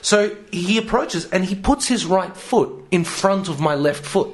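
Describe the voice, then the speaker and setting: A man's voice: high voice, expressive, measured pace. A man, co-hosting a comedy podcast and telling stories in casual, sweary chat. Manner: swears freely, tells stories with laughs. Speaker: podcast co-host.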